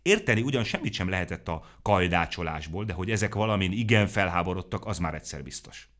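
A man narrating a children's story in an expressive, animated way. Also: low voice. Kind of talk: storybook reading.

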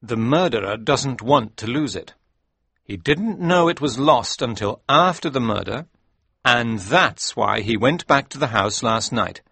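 A man voicing Sherlock Holmes, a sharp, confident male detective, in a brisk, commanding way. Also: mid-range voice, animated, vocal fry, slightly rough, dry recording, heavily acted. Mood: explaining. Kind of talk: audiobook reading.

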